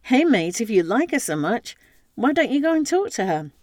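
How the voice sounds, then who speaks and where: A woman's voice: medium pitch, big pitch swings, moderate pace, darkish tone, dry recording, studio quality, natural voice. A woman voicing a tipsy young man who teases a stranger at a bar, in a told story. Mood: joking. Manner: teasing, jokey.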